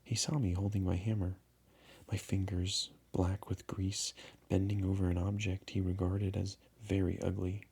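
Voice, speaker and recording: A man's voice: deep voice, completely flat delivery, moderate pace, gravelly, warm tone, breathy edge. A man reading a storybook aloud as narrator in a dreamy style.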